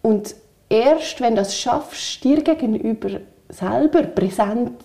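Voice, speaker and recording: A woman with a Swiss German accent co-hosts a relaxed podcast conversation. Her voice sits fairly high but sounds soft and warm. She speaks candidly and strings her thoughts together in long, winding clauses. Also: slow, vocal fry. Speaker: podcast co-host. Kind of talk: reflective casual chat.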